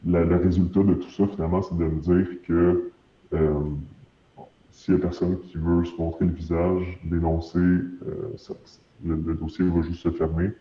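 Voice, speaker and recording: A man with a Quebec French accent gives halting testimony, searching for words, his voice shifted deep to hide his identity. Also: level tone, reverberant, lo-fi sound, slight background noise. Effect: voice pitch-shifted down to disguise identity. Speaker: anonymous witness being interviewed.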